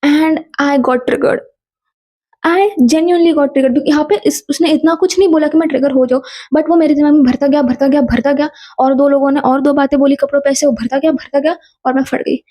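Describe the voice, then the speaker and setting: A young woman telling a personal story in a lively casual vlog, mixing Hindi and English. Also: sits high, fairly quick. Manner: animated, mixes Hindi and English, quotes people in dialogue.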